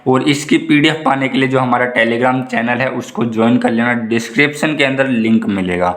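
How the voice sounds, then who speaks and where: A young man tutoring, patiently explaining a lesson on screen and repeating examples slowly. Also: medium pitch. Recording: echoey room.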